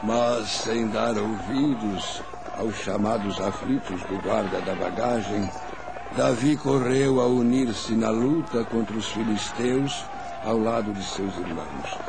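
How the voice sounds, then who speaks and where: An older man narrating a Bible story for children as a grandfather, solemn and deliberate, in a dramatic storyteller's way. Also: lowish voice, noisy background. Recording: music under the voice.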